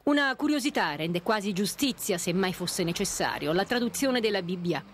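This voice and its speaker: A woman's voice: mid-range voice, expressive, moderate pace. A woman reporter reading a scripted voice-over for a news feature. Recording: voice-over with clear background noise.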